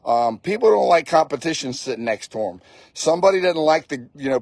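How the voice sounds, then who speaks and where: A man's voice: mid-range voice, darkish tone, no echo. A man in his late forties giving a blunt, casual motivational talk as a fire service instructor, swearing freely and repeating lines for emphasis. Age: 40s.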